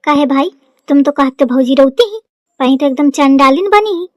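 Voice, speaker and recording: Brief: woman doing a nosy cartoon brother-in-law, high voice, dry sound. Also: expressive, normal speed, darkish tone, dry recording. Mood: teasing. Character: nosy young village brother-in-law Kallu.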